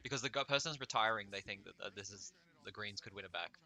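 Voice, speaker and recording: A man hosting a casual livestream chat, thinking aloud with lots of fillers and pauses. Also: on the low side, sharp tone. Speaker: host.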